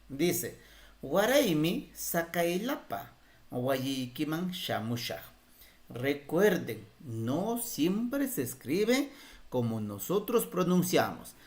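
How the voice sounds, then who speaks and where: A man teaching an online class on spelling, speaking Spanish with a Peruvian accent, patiently asking questions and answering them himself. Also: fairly high pitch. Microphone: video call.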